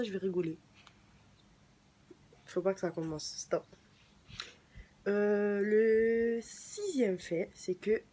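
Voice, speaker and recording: A young woman talks casually into the camera for her vlog, playful and chatty. Her voice sits in a middle range but jumps high without warning. The recording carries a clear layer of background noise. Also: warm tone. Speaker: vlogger.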